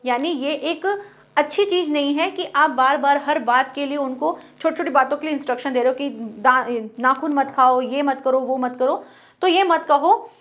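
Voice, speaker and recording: A woman teacher explaining a poem line by line, reading the English lines slowly and patiently. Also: high voice, fairly bright tone. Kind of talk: Hindi poem explanation lesson.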